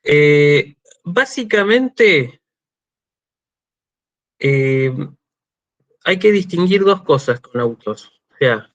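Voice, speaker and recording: A man giving an online university lecture, slow and deliberate, checking in often with his students. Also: on the high side, animated, a bit bright, highs cut off. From Argentina. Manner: slow, checks in with frequent "¿sí?" and "este" fillers. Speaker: university lecturer in Greek language and culture.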